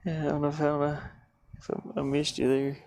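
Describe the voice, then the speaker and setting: A slightly high male voice at normal speed, dry in the recording, comes from a live streamer making a game in his van. He casually thinks out loud as he works, often trailing off partway through a thought, with steady background noise behind him.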